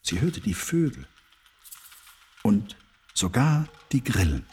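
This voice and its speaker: A man reading a children's story aloud in an expressive storyteller's manner. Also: mid-range voice, slow, breathy edge.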